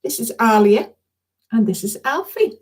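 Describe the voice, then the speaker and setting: A children's author chats informally with young schoolchildren over a live video from a room at home, encouraging them and often checking in with little questions. Her voice is a little high, mellow and husky, with big pitch swings and a moderate pace.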